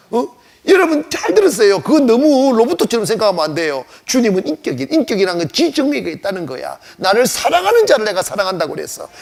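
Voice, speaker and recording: A man's voice: very high-pitched, creaky. A male pastor preaching a sermon at a church worship service, emphatic and colloquial, asking rhetorical questions and joking with the congregation.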